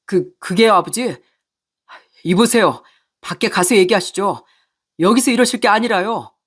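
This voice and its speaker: A woman's voice: mid-range voice, normal speed, slightly rough, lightly acted. A woman voicing a cornered, nervous man trying to deflect. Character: cornered adult son, nervous and evasive.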